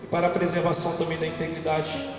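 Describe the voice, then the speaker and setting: High-voiced preacher in an echoey hall. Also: male voice, completely flat delivery, fast, far from the mic. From São Luís, Maranhão, Brazil. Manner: dramatic storytelling with repetition. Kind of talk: testimony sermon. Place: church hall. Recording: echoey church hall from afar with music.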